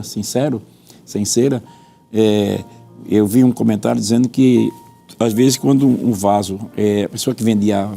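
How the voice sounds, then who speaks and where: A Brazilian man, a pastor with a Brazilian Portuguese accent, speaks in a fairly low, dark voice with vocal fry. Teaching on a religious TV panel, he is earnest and expository, quoting scripture and repeating points for emphasis.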